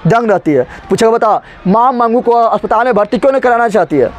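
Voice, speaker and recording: Fast, high-voiced teacher. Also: male voice, expressive. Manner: repetitive call-and-response questioning; colloquial, rambling. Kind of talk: classroom lesson explaining a story.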